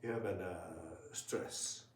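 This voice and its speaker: A man teaching Japanese in a casual spoken lesson, talking slowly and hesitantly with many fillers. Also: lowish voice, fairly even intonation. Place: room in Tokyo. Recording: roomy, from a distance.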